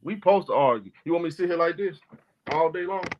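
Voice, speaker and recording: A man's voice: fairly high pitch, expressive, fast talker, dull audio, slight background noise. A man hosting a casual sports talk live stream, loose and argumentative, talking back to his chat in slang.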